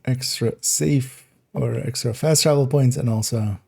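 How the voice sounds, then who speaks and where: A man gives loose, rambling commentary while he plays a game. His voice is mellow and soft-edged, and he giggles and restarts his sentences often. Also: mid-range voice, fairly even intonation, measured pace, creaky, husky. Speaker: game streamer. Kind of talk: casual gameplay commentary.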